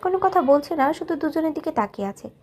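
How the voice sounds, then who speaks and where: Soft-voiced woman narrating a love story. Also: high voice, animated. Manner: soft, measured, emotional storytelling.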